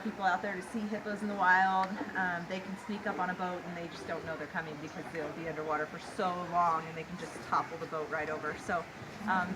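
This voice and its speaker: An enthusiastic woman talks casually to visitors as a zookeeper would, explaining things informally. Her pitch is average. She is recorded outdoors from a few steps away with clear background noise. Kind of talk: informal educational talk to visitors. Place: outdoor animal enclosure yard. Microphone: camera a few steps away. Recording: noisy outdoor handheld recording.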